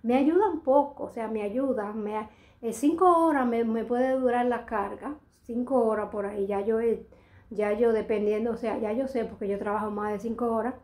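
A woman's voice: on the high side, normal speed, a little mellow. A middle-aged woman with a Dominican accent, chatting casually to her vlog audience in a rambling way, often restarting her sentences. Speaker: vlogger. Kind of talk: casual chat to camera.

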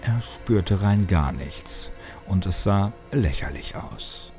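A man narrating a horror story in an expressive, dramatic storytelling style. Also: sits low, slow pace, soft background music. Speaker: audiobook narrator.

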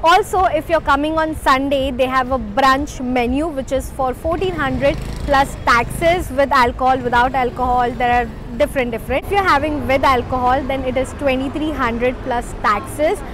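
High-voiced Indian woman food vlogger. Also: normal speed, hardly any pauses, background noise. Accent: Indian English. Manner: enthusiastic, mixes Hindi into English. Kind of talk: food review vlog. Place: restaurant indoors, then outdoor garden. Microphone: lapel mic.

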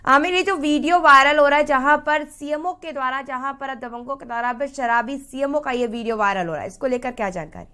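Higher-pitched young female news anchor. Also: a little fast, few pauses, sharp tone. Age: young adult. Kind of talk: breaking news presentation. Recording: studio voice over news music.

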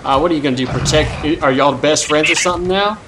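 A man's voice: a little high, fast, noisy background. A man hosting a comedic let's play, boasting and trash-talking the creatures he fights, with a profane, playful manner. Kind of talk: comedic gameplay commentary.

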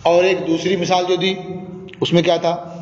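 A high-pitched man with an Indian Urdu accent teaches hadith and poses rhetorical questions to his class. His voice rings through a big echoey hall with long reverb. The recording sounds dull and lo-fi. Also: level tone. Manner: explains with everyday examples and rhetorical questions, chants Arabic slowly. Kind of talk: classroom lecture explaining hadith.

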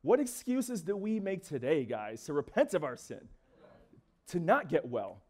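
Young man, guest preacher, casual sermon, high voice, lively swooping pitch, church. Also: unhurried. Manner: casual, conversational preaching with fillers and acted asides. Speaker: guest speaker.

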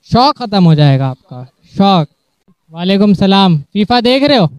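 A man's voice: high voice, big pitch swings, measured pace, smooth, no echo, lo-fi sound. A young man holding a handheld mic in an outdoor park, running a street interview and teasing people with mock-serious questions.

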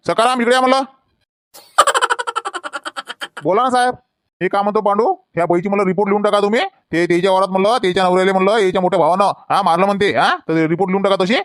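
A man acting as a stern, calm village police officer in a comedy skit, speaking in a Varhadi Marathi accent and a lowered, measured voice. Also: no echo, clean studio sound, natural voice. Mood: commanding.

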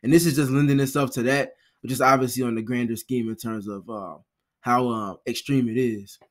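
A man guesting on a sports podcast, speaking in a measured, wordy, somewhat formal way. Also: mid-range voice, fairly even intonation. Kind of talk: casual sports podcast chat.

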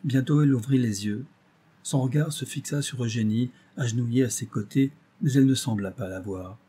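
A man narrating a literary audiobook at a measured pace, expressive in his delivery. His voice is mellow and dark, with a husky edge. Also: mid-range voice. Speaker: audiobook reader.

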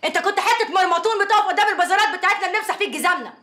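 An actress playing a sharp-tongued, scornful Egyptian ex-wife in a film drama, speaking cuttingly. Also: female voice, high-pitched, expressive, very fast.

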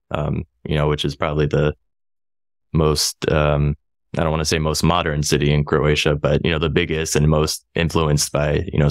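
A man in his thirties hosts a podcast interview, relaxed and chatty, laughing easily. His voice sits very low and sounds smooth and resonant. He is recorded dry and close on a studio mic. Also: dry recording. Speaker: podcast host. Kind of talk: casual interview. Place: small home studio, indoors. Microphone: studio mic on boom arm, headphones.

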